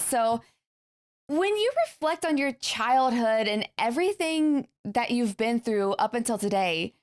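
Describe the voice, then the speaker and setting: A woman with a fairly high voice hosts an interview podcast. She reads her introduction from a script and then chats with her guest in an upbeat, enthusiastic way. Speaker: podcast host.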